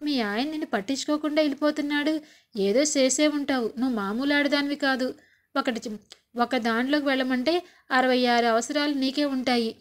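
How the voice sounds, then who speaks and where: A woman's voice: high voice, brisk, lightly acted. A woman voicing a scheming older mother who taunts and mocks in a scornful tone. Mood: taunting. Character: scheming older mother, mocking and sharp-tongued.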